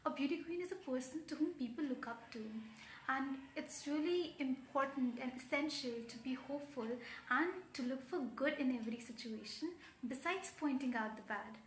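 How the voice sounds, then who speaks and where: A young woman with an Indian accent speaks in a high voice, with the poised, earnest delivery of a pageant contestant answering judges. She is giving instruction in a formal, carefully worded way. The sound is roomy and echoing. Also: moderate pace, a little hiss or hum. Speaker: pageant coach giving tips.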